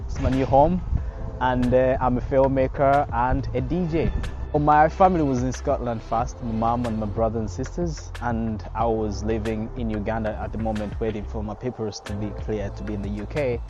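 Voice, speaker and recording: A man's voice: medium pitch, steady tone, normal speed, warm tone. A man in his twenties, originally from Congo, telling his story in a documentary interview in an upbeat, conversational way. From Democratic Republic of Congo. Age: 20s. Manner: upbeat, conversational, frequent "you know". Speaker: filmmaker and DJ. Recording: slightly muffled, with faint music behind.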